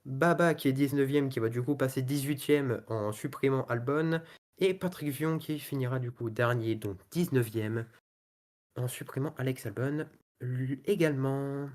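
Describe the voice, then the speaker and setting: A man with a mid-pitched voice works as a motorsport commentator. He calls the race and standings in an improvised way, pausing and hesitating as he looks for the next word. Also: darkish tone. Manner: hesitant, searching for words between calls. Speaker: motorsport commentator and host of a racing league show.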